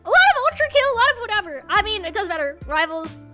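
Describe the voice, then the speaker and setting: A woman streamer chatting casually with viewers in a cute, playful anime-streamer manner, jumping between excited squeals, loud shouts and quieter muttering. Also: very high voice, quick pace, loud music behind the voice. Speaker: streamer and host of a live stream.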